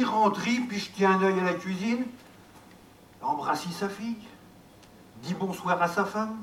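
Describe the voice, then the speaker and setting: A man's voice: sits high, fairly bright tone. A man telling a rustic folk tale in a homely way, with asides to his listeners. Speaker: storyteller. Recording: echoey, from far off, faint noise.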